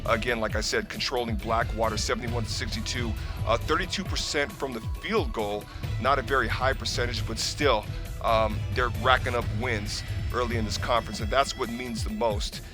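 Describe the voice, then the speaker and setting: Color commentator, male, medium pitch, emphatic analysis of live basketball with music playing underneath. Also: steady tone, normal speed.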